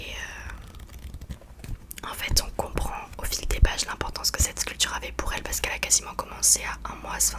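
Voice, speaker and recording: Casting: female ASMR book reviewer, hushed library whisper throughout, informal and hesitant delivery. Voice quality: soft unvoiced library-like whisper. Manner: hesitant, informal, searching for words.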